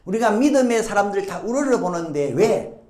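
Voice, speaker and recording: A woman pastor preaching a sermon, telling the story in an animated way and acting out the voices of the people in it. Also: medium pitch, normal speed. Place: church sanctuary. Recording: echoey church hall.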